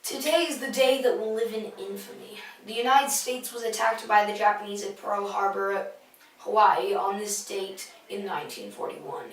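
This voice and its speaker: A woman's voice: mid-range voice, normal speed, a little hiss or hum. Echoey school intercom announcer, young female. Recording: echoey, distant school intercom sound, music behind.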